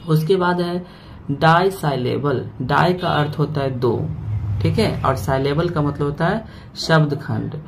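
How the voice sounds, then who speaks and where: A man teaching a grammar lesson. He breaks words into parts slowly and keeps checking in with "okay" after each point. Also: a little high, vocal fry, slight background noise.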